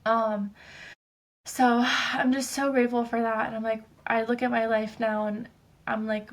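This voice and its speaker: A woman talks straight to her listeners in a loose, unscripted monologue, leaning on "like" and "um" as she goes. Her voice sits a little on the high side, and she gets emphatic and ranty when a point matters to her. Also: level tone, moderate pace. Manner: chatty, fills speech with "like" and "um"; emphatic, ranting. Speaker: podcast host. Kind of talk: casual personal monologue.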